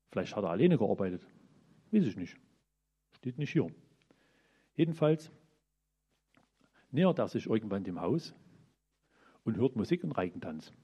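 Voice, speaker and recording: A man's voice: medium pitch, warm tone, husky. A man giving a casual, colloquial sermon, retelling a parable and asking his listeners questions. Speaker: preacher. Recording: dull lo-fi recording.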